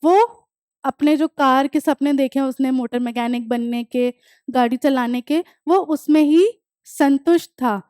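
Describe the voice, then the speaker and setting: A young woman gives a classroom English lesson on a textbook chapter, slowly reading the English lines and then explaining them in Hindi, repeating words to drill their pronunciation. Her voice is high with a darkish tone, recorded in studio quality with no room sound.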